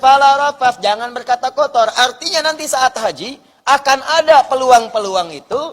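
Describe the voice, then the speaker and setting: Male preacher, high voice, emphatic repetition, reverberant hall. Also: a bit bright. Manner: repeats words for emphasis, tells stories with quoted dialogue. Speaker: Islamic preacher. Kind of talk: sermon on preparing for hajj.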